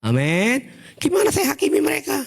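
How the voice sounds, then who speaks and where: Animated male pastor preaching a sermon. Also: extremely high pitch, brisk, creaky. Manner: animated, calls out "amin", sometimes shouting. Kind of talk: Sunday church sermon. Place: church service.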